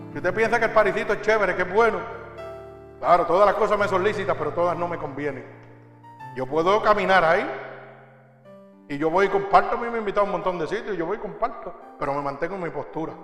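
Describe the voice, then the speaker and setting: A man preaching a fiery sermon as pastor, his voice swelling loud on his calls to the congregation. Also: fairly high pitch, reverberant, big-room sound. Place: church hall.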